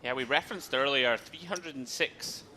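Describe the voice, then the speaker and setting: A man's voice: mid-range voice, normal speed, pushed and bright, a little hiss or hum, rough recording. A man co-commentating a poker tournament live, giving conversational analysis in wry, wordy turns of phrase over music.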